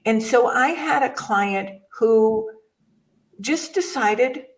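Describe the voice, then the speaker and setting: A woman's voice: fairly high pitch, expressive, takes it slowly, distant mic, low-quality recording. An older woman, a guest chaplain, chatting casually and telling rambling stories that she often breaks off and restarts. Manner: storytelling, rambling, self-interrupting. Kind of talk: casual conversation.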